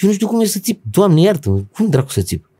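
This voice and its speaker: A middle-aged man, a business owner and professor, talking as a podcast guest in a blunt, slangy, animated way, acting out old conversations as he tells them. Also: high-pitched, breathy edge. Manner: animated storyteller, blunt slangy speech, acts out dialogue. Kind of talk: casual conversational interview.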